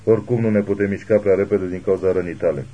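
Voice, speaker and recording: A man voicing a caring young woman who tends a wounded man with quick, practical questions. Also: deep voice, steady tone, dull audio. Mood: urgent, caring.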